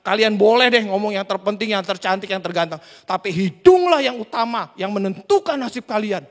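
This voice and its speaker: A man's voice: high-pitched, lively intonation, a little fast. A man doing a bossy, boastful nose. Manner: bossy, self-important. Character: boastful nose claiming to be most important. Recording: reverberant church hall.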